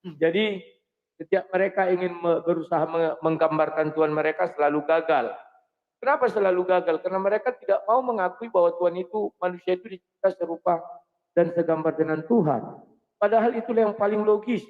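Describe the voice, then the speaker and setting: A man with a high-pitched voice talks straight to his listeners in a loose, conversational monologue. He clears his throat again and again between phrases. The sound is thin and tinny, as if it came through a phone. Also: brisk. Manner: frequent throat clearing, addresses listeners as friends. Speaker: channel host. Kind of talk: casual spoken monologue.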